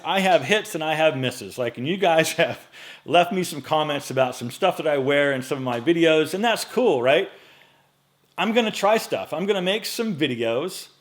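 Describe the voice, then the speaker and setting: A man in his late forties answering viewer questions in a casual vlog, relaxed and chatty with frequent fillers, recorded on a microphone in front of him in a home studio. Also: fairly high pitch. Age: 40s. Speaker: men's style YouTuber.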